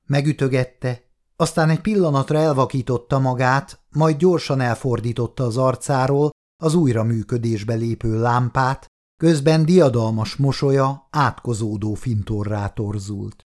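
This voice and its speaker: A man reading an audiobook in a steady, dramatic storytelling manner. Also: mid-range voice. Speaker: audiobook narrator. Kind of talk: scripted audiobook narration.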